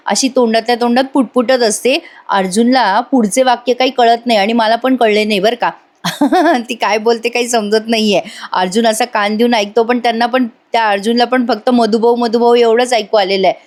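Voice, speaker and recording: A woman's voice: a little high, steady tone, moderate pace. A woman, chatting through a voice-over retelling of a TV serial episode and acting out the characters' lines. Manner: chatty, asides to the audience, acts out dialogue in a raised voice.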